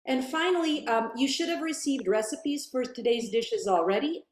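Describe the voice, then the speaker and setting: A woman in her thirties moderating a virtual cooking class on a video call, upbeat and friendly, from a bright home kitchen. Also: high-pitched, normal speed, roomy sound.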